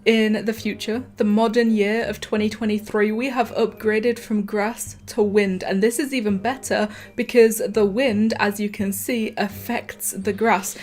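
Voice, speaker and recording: A woman's voice: mid-range voice, flat delivery, measured pace, hardly any pauses, a little mellow. A woman hosting a gaming channel, chatting casually with wry, mock-hyped joking over a close mic.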